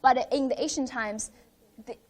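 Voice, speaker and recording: High-voiced woman guiding a museum tour. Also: steady tone, moderate pace. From China. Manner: conversational, often asks the viewers questions. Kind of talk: live museum walkthrough. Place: indoor museum exhibition hall.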